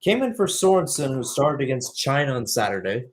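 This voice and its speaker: A young adult play-by-play caller describes live soccer in a radio style, speaking a little fast in a sing-song, mid-range voice. He often corrects himself and slides into offhand asides.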